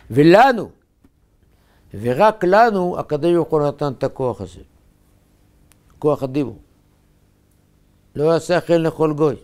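A man, a rabbi, preaching a sermon in short, emphatic, measured phrases. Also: fairly high pitch, darkish tone, clear, resonant tone.

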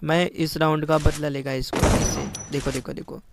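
A man commentating his shooter game to viewers, excitable and repeating his words. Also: a little high, moderate pace, vocal fry. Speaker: gaming YouTuber. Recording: loud background noise.

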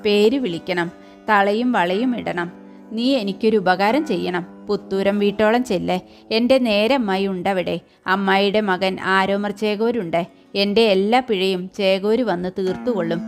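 Grieving young mum pleading softly in a told story, woman narrator puts her on, medium pitch, faint music behind. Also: moderate pace, natural voice. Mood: sorrowful. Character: young abandoned mother, sorrowful and proud.

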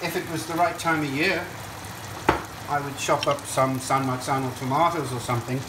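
A man's voice: medium pitch, fairly even intonation, moderate pace, distant mic. A man talks as a cooking show host, casually explaining each step to camera in a chatty, digressive way. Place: indoor kitchen at a stove. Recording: echoey kitchen, off-mic, hiss and sizzle. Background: frying sizzle and stirring.

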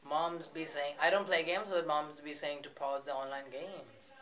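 A man's voice: a little high, fairly even intonation, moderate pace, a bit bright. A man casually reacting to short clips, chatty and laughing often. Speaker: reaction video host.

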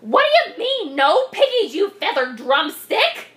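A woman's voice: high voice, very animated, slow, bright, forceful tone, a little hiss or hum, exaggerated voice. A woman voicing a cranky, bossy storybook witch who screeches, cackles and hurls insults. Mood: furious. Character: cranky, bossy witch hunting pigs, shrieking and threatening.

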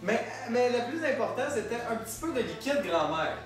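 A man's voice: very high voice, big pitch swings, moderate pace. A young man with a Quebec French accent playing an eager grandson hosting an infomercial. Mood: upbeat selling. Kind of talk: parody infomercial presenting. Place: home kitchen, far camera. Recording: echoey kitchen, distant camera mic, music.

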